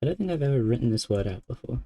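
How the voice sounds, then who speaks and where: A man's voice: mid-range voice, lively intonation, very fast, gravelly, warm tone. A young man streaming a game, chatting casually and thinking aloud as he works through a puzzle. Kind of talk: casual live-stream chat.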